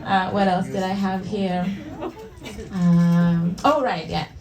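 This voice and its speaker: A woman's voice: fairly low pitch, little pitch movement, slow, crowd noise. A young woman from El Salvador with a Salvadoran Spanish accent, performing a stand-up set in a hesitant, self-deprecating way with many fillers and restarts. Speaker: stand-up comedian. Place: comedy venue with live audience. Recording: echoey room, audience laughter.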